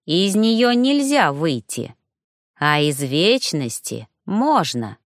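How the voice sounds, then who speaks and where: A woman's voice: a little high, no room sound, clean studio sound, heavily acted. Woman playing a mocking sorcerer villain. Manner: drawling, coldly mocking. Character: scheming mocking older male sorcerer villain.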